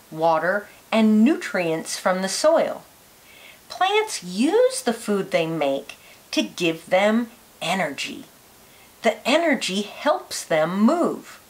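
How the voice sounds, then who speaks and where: In a medium-pitched voice, a woman reads an educational picture book aloud the way a teacher would, shaping each phrase carefully and deliberately for young children.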